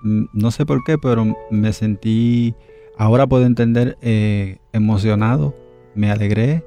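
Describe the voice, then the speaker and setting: Mellow man recalling memories. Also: fairly low pitch, unhurried, soft background music. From Dominican Republic. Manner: thoughtful, hesitant, with frequent fillers. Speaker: guest. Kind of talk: reflective interview storytelling.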